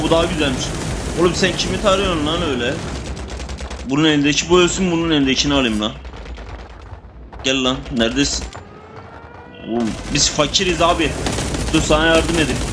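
A young man commenting casually on his shooter gameplay, excitable and swearing, talking to his teammates and enemies. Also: fairly high pitch, background noise. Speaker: gamer playing a shooter. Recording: game gunfire under the voice. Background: gunfire and game sound effects.

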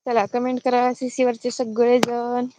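A chatty woman, streaming live from a farm as she herds goats. Her voice sits fairly high, and she greets viewers one by one and answers their comments. The phone audio picks up loud outdoor noise behind her. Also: flat delivery, a little slow. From Dharashiv district, Maharashtra. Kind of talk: casual live-stream chat.

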